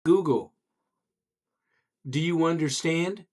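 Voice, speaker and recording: A man's voice: on the high side, slow pace, darkish tone. Man telling a joke to his assistant. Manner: repeats commands, enunciates, storytelling.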